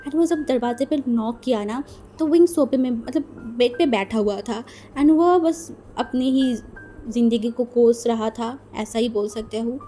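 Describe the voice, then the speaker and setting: A woman's voice: on the high side, unhurried, dark tone, soft background music. A woman narrating a fan story in a chatty, casual way, dropping English words in as she goes.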